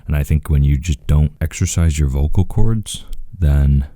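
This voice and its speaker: Super deep quiet guy rambling in a vlog, right up on the mic, dry sound. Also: moderate pace, no echo. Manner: quiet, laid-back, rambling talk. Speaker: video creator. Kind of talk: casual talking vlog. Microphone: close microphone.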